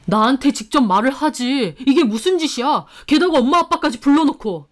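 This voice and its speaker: A woman's voice: high-pitched, lively intonation, fairly quick, pitched above the performer's own voice. A woman voicing an indignant, cornered husband.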